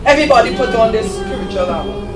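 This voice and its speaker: A woman preaching a fervent revival sermon, exhorting in drawn-out emphatic phrases and swinging between shouts and lower asides. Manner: exhorting, rising to shouts and dropping low. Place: church service. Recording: echoey church sound, distant mic, music behind.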